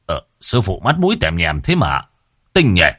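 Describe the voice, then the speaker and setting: A man's voice: low voice, wildly swooping pitch, moderate pace, fairly bright tone, no echo, studio quality, full character voice. Casting: a man playing a brash young exorcist's disciple in a ghost audiobook, teasing and blunt. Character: cheeky eager male disciple, rough-talking.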